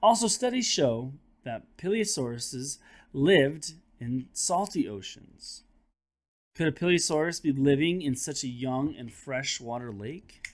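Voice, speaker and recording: In a mid-range voice at a measured pace, a man who teaches third grade reads nonfiction aloud to young children. He addresses them directly, with an expressive, classroom-style manner.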